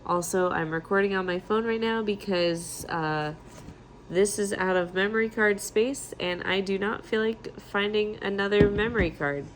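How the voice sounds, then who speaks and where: A woman's voice: medium pitch, normal speed, background noise. A young adult woman talking casually to camera in a candid, self-deprecating, chatty way, like a vlogger. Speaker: vlogger and writer, new mother. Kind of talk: casual vlog talk to camera.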